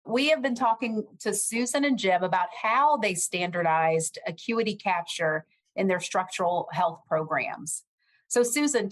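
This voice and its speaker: A woman hosting a professional podcast, asking measured, friendly questions of her guests. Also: mid-range voice. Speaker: podcast host. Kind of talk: podcast interview.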